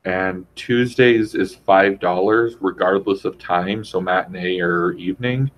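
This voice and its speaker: A young man in casual chat, rambling and animated as he retells things, heavy on "like". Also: deep voice, measured pace, poor audio.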